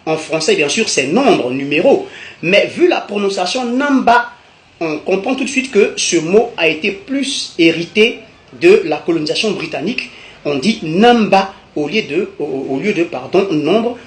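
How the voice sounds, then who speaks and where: A high-pitched man gives a patient, methodical language lesson, saying each word twice so it sinks in. His voice rings around a reverberant room. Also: animated, normal speed. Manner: methodical, repeats each term for emphasis. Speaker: language teacher. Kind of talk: explanatory video lesson. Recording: echoey room.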